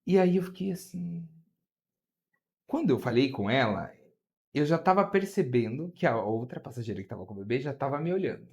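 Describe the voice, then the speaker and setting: A man's voice: a little fast, gravelly. A man with a Brazilian Portuguese accent, a flight attendant guest telling a story in an interview, his voice climbing as the story builds. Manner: animated, pitch rising as the story builds.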